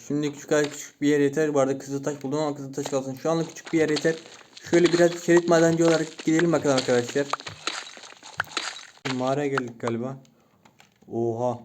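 Young male gamer at his desk, mid-pitched voice, half-muttered running commentary, keyboard clicking and noise under the mic. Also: fast talker. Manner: talks himself through it, mutters "sakin" to stay calm; bursts into excited yelps. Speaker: gaming YouTuber. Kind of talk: Minecraft let's-play commentary. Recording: noisy home recording with keyboard clicks.

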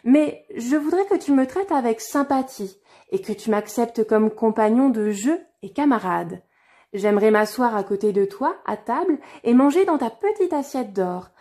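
A woman voicing a pleading, insistent little frog at a well in a fairy-tale reading, calling out high and loud. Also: expressive, moderate pace, lightly acted. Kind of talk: storybook reading.

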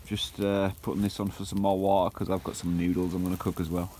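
Northern English man, casual outdoor vlogger, low-pitched, easygoing chat over light camp ambience. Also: flat delivery, fast, warm tone, a little hiss or hum. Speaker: camping vlogger. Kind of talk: casual outdoor vlog narration. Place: outdoors at a woodland camp by a fire.

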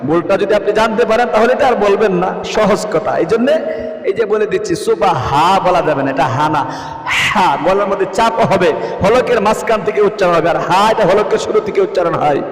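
A religious teacher leads a prayer recitation lesson, his high voice earnest and coaxing as he repeats phrases word by word at a fairly quick pace. The room is roomy and echoing, with long reverb.

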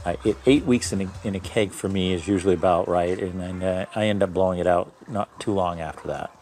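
A man's voice: low voice, brisk, darkish tone, slight background noise. A man reviewing his own home-brewed beer in a casual tasting video, thinking aloud and correcting himself as he goes. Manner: describes aromas and flavors in detail.

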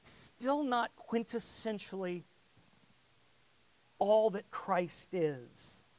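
A man's voice: high-pitched, lively intonation, very slow, darkish tone. A man preaching a sermon who builds in volume on key lines and sometimes repeats words as he searches for phrasing.

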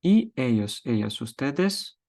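A male language teacher giving a grammar lesson, slowly and deliberately drilling verb forms word by word. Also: mid-range voice, sing-song, darkish tone.

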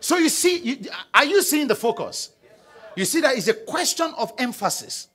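A young Nigerian pastor preaching from a church stage, his fairly high voice leaping up and down as he calls out to the congregation. The tone is a bit husky, and he swings between loud stressed lines and quiet asides while pacing with a handheld mic. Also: very animated, normal speed. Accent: Nigerian English. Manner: call-and-response preaching, prompting the congregation to read aloud. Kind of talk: sermon. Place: large church auditorium stage.

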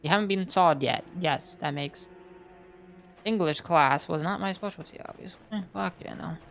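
A young man giving casual, excitable let's-play commentary, swearing and laughing often. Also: fairly high pitch, normal speed, creaky, faint music behind. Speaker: gaming YouTuber.

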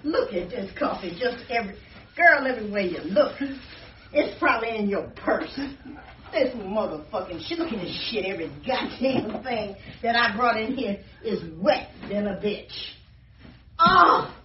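A woman's voice: mid-range voice, lively intonation, normal speed, background noise. A middle-aged woman ranting with nonstop swearing and half-laughing anger, out of breath, filmed by someone else's phone in a house. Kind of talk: profane exasperated rant. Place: indoors in a house. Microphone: phone held by someone filming her. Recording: roomy, distant, dull phone audio.

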